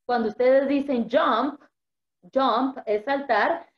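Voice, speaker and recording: A woman teaching English online, repeating each vocabulary word slowly so the students can echo it, heard over a video call. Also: high-pitched. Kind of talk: online vocabulary lesson, bilingual. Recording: dull lo-fi video-call audio.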